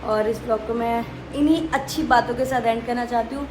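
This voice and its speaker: A woman's voice: on the high side, brisk, noisy background. A young woman from India narrating her vlog in a heartfelt, chatty way, mixing English words into her talk. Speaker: vlogger. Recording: voice over loud background music.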